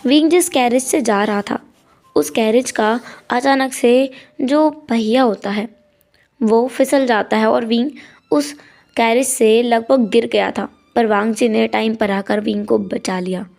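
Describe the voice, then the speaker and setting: A woman's voice: fairly high pitch, fairly even intonation, unhurried, gravelly, darkish tone. A woman retelling a story in a chatty, casual way, mixing in English words.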